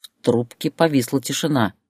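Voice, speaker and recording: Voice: mid-range voice, moderate pace, darkish tone, breathy edge, no room sound, studio quality. A narrator telling a story in a plain storytelling delivery, as in an audiobook.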